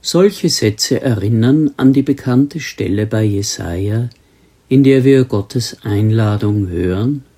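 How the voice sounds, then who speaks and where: Man, preacher, sermon, slow, dark mellow tone, deliberate word stress. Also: fairly low pitch. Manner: slow, measured, stresses single words. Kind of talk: sermon with scripture reading.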